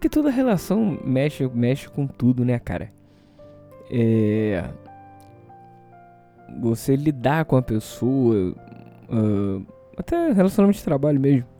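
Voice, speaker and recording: A man's voice: mid-range voice, big pitch swings, a little slow, long pauses, mellow, soft background music. A hungover Brazilian man hosting a casual solo show, rambling and hesitant as he talks. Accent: Brazilian Portuguese.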